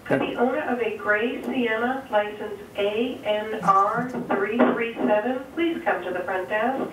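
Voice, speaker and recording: A woman at a front desk making a polite public address announcement over a loudspeaker, measured and repeating her request. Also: on the high side, a loud crowd. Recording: echoey, distant loudspeaker with faint noise.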